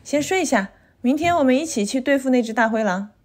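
A woman voicing a patient mother at bedtime in a children's story, speaking low and soothing. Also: expressive, a little fast.

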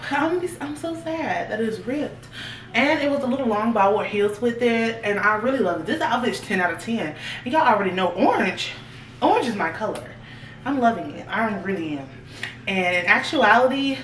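A woman's voice: mid-range voice, fairly bright tone, slight background noise. Chatty young woman vlogging in an echoey room. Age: 20s. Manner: chatty, talks straight to viewers. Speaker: fashion vlogger. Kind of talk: casual try-on haul chat. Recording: echoey room, voice a little far from the mic.

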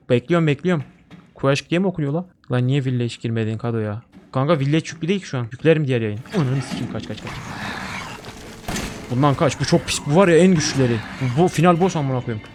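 A young man streaming a horror game, swearing a lot and jumping into loud panicked outbursts. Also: mid-range voice, fast, a little hiss or hum. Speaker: gaming streamer. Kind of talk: horror game let's play.

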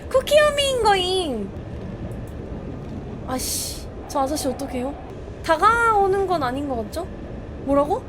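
Woman game streamer, very high and lively voice, jumpy and shrieky, with game noise behind; casual live commentary. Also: measured pace. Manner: jumpy, shrieks and exclaims when startled.

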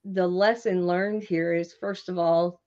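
Lively woman telling career stories. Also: on the low side, measured pace, dull audio. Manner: animated anecdotal storyteller, laughs often. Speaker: screenwriter and marketing guest. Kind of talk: interview storytelling.

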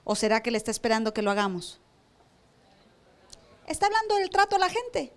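High-voiced woman pastor preaching. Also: sing-song, fairly quick. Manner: preaches with rhetorical questions, acts out church members. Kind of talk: sermon. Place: church service.

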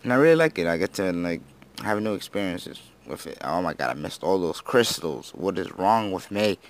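A teenage gaming YouTuber talks casually over his gameplay in a low, animated voice at a moderate pace. He rambles and pokes fun at himself, admitting he slurs his words and has only just woken up.

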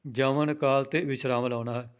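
A man teaching scripture pronunciation, chanting each line slowly and then explaining briskly how to say it. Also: medium pitch, fairly even intonation, clear, resonant tone, dull audio. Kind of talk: slow chanted recitation with spoken explanations.

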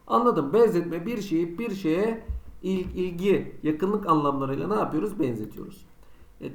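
A man teaches a school lesson online, his voice sitting a little high for a man. He keeps putting students' questions to himself and answering them with chatty, teasing examples. The room around him rings with echo. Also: a bit bright. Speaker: Turkish teacher.

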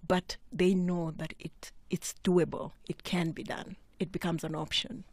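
A woman's voice: on the low side, level tone, unhurried, a little mellow, husky, no room sound. A woman in her fifties, a radio studio guest, talking earnestly and emphatically and laughing easily. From South Africa. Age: 50s. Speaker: guest mountaineer. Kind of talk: radio interview. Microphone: studio mic with headphones.

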